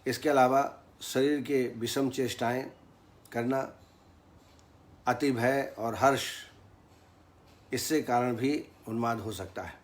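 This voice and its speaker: A man delivers a formal Ayurveda lecture at a mid pitch. His delivery is measured and teacherly. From time to time he recites Sanskrit verses in a chanted cadence. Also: steady tone.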